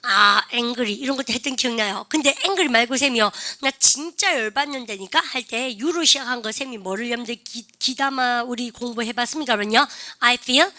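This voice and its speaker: A woman teaching an English speaking class, animated and drilling her students with prompts and slow, drawn-out example phrases. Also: fairly high pitch. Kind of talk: classroom lesson.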